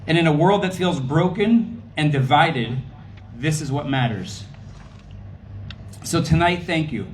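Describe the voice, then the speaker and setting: A man's voice: fairly high pitch, expressive, a little slow, a little hiss or hum. A man gives an earnest, rhythmic closing speech of thanks at a gala dinner.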